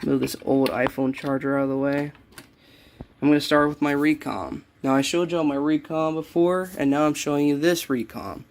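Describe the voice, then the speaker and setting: A young man walks through his radio collection in a cluttered little room, chatting in a rambling way and revising what he says. His voice is a little high with a steady tone and normal speed, over slight background noise.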